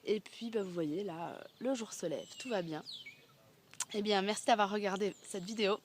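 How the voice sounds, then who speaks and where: A woman talking to camera outdoors at daybreak in a casual video diary, reflective and halting with many fillers, nursing a sore throat. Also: medium pitch, a little hiss or hum. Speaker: vlogger walking a pilgrimage route.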